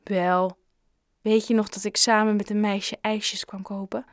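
A woman voicing an upset runaway boy in an audiobook, pitched up and defensive. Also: little pitch movement, measured pace, no echo, clean studio sound, lightly acted. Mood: glum. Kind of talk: audiobook character reading.

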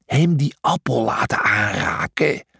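A man's voice: mid-range voice, animated, measured pace, gravelly, bright, forceful tone, slightly rough, no echo, studio quality, exaggerated voice. A man voicing a cocky, reckless young male donkey who talks boldly and impatiently. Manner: bold, impatient.

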